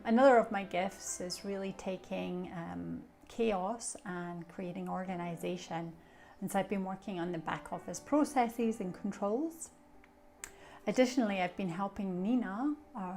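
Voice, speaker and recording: Speaking in a slightly mellow, medium-pitched voice, a middle-aged Scottish coach introduces herself and passes on tips. She also serves as an association treasurer, and her reflective talk includes fillers.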